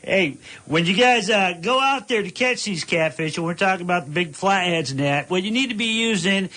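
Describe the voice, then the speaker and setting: A man hosting a radio fishing call-in show, chatty and quick to laugh. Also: sits high, lively intonation, sharp tone.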